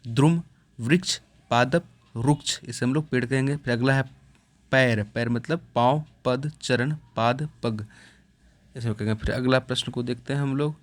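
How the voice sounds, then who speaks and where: A man teaching a lesson, reading out a list of words with a pause after each one. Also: medium pitch, no echo. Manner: steady listing, pausing after each word.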